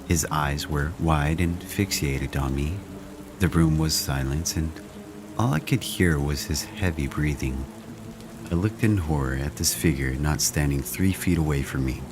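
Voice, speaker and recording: A man narrating first-person horror stories in a slow, measured, hushed way. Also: very deep voice, noisy background.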